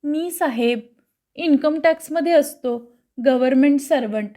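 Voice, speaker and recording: A woman's voice: high-pitched, measured pace, mellow. A woman reading the part of a meek, sleepy male government clerk who snores. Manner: meek, apologetic.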